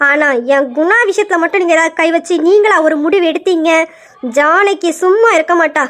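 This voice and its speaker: A woman's voice: very high voice, a little fast, fairly bright tone. A woman voicing a defiant middle-aged mother who fiercely stands up for her son against the family. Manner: fierce, confrontational.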